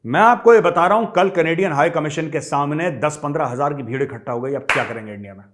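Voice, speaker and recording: A man's voice: fairly high pitch, fast talker, noisy background. A man giving fiery, taunting political commentary straight to his viewers, addressing them as friends.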